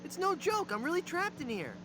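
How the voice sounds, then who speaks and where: An actor playing a hapless, earnest young adventurer and glib bluffer in a cartoon adventure game, theatrical and wry. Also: male voice, fairly high pitch, very animated, moderate pace, noisy background. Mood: pleading.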